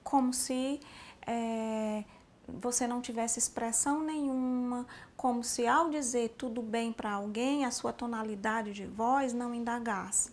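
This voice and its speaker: A woman teaching a sign language class, explaining each sign slowly and speaking straight to the learner. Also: a little high, fairly even intonation, a little hiss or hum. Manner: slow, explanatory, addressing the learner directly. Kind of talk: spoken instruction for a sign language lesson.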